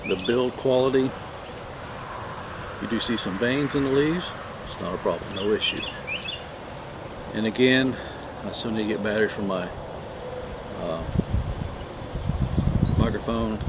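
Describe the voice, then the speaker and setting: A man chatting casually and haltingly through a cigar review, rambling from one thought to the next. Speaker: cigar review vlog host. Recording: noisy low-quality mic, outdoor insects and traffic.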